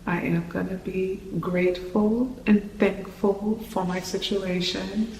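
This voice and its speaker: An excited, informal vlogger giving a casual apartment tour, with the voice bouncing around an empty room. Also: mid-range voice, takes it slowly. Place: empty high-rise studio apartment, indoors. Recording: echoey empty room, distant mic, faint noise.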